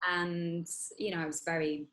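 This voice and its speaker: A woman's voice: lowish voice, level tone, moderate pace, a bit bright, poor audio. A woman in her thirties, raised in the UAE, guest on an interview, talking casually in a rambling way with many fillers and restarts. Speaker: guest actress.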